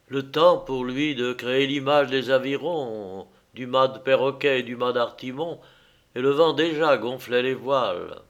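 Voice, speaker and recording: A man narrating a literary tale in a measured, unhurried storytelling manner. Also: mid-range voice. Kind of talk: literary audiobook reading.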